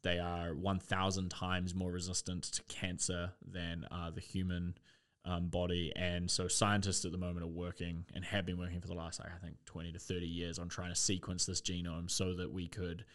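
A man's voice: low voice, monotone, moderate pace, fairly bright tone. A man chatting loosely as a podcast co-host, rambling with lots of fillers and swearing. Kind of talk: casual chat.

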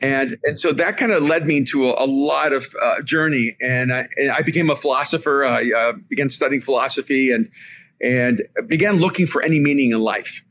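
A man from El Salvador whose first language is Spanish, speaking as a podcast guest in an earnest, reflective storytelling way, in quick bursts. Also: medium pitch, fairly bright tone. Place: remote call from home.

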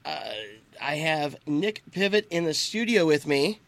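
A male radio host talks into a studio microphone, loose and conversational. His voice sits a little high for a man, and he stumbles and restarts his sentences as he goes. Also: measured pace, gravelly, fairly bright tone, no echo. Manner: rambling, many restarts and fillers. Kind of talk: casual radio interview chat.

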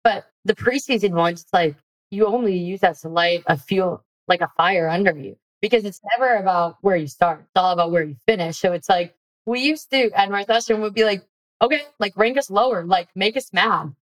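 A young woman, a former college softball player, hosting a podcast with upbeat, encouraging chat. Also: mid-range voice, fairly quick, poor audio. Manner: upbeat, encouraging, reads ad lines. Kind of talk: casual interview chat.

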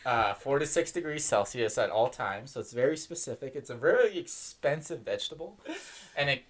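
A man's voice: mid-range voice, animated, a little fast. A young man chatting as a guest, rambling with many restarts. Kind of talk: casual chat.

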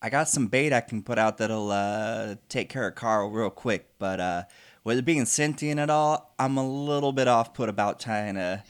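A man's voice: lowish voice, normal speed, clean tone. A man playing in a tabletop role-playing game, chatting casually in a laid-back, playful way. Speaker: player and show host.

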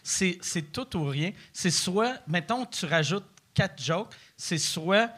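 A man's voice: high voice, lively intonation, pushed and bright. A man with a Québécois accent hosting a casual interview podcast, playful and teasing. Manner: playful, teasing, quick backchannel. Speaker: podcast host.

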